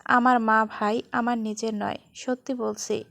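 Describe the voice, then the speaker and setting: A woman voicing a sulky, tearful young bride who pouts and pleads in a storybook reading, with a fairly high voice. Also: level tone, unhurried, vocal fry, a bit bright, no room sound, studio quality. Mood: sulky plaintive. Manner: pouting and plaintive.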